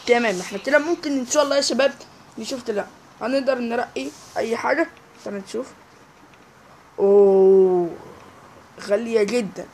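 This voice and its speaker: A man with an Egyptian Arabic accent giving excitable live gameplay commentary, repeating words in quick bursts. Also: very high voice, a little hiss or hum, low-quality recording. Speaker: gaming YouTuber.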